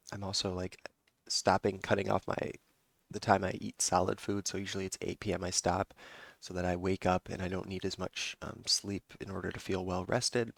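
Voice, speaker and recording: A man's voice: low voice, vocal fry, dry recording. A man giving a casual rambling update to his viewers, with many fillers and restarts. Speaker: vlogger and yoga teacher.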